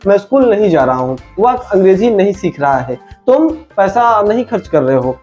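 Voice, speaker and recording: A man's voice: high-pitched, very animated, normal speed, a little mellow. A man teaching an online English grammar lesson, repeating each rule and calling the listener his friend. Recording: dull lo-fi sound with faint music.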